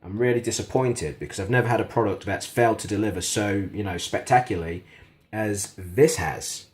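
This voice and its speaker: A man whose voice is on the low side talks a little fast during a kitchen product demonstration. As a gadget reviewer, he's casual and chatty, and honest to the point of being critical.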